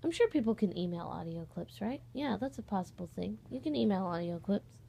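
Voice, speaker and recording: This young woman's voice is gravelly and dark, with a medium pitch, and she speaks quickly and animatedly, with a little hiss or hum in the recording. She's an amateur voice actor and video host chatting from her bed at home in a rambling vlog that keeps wandering off track.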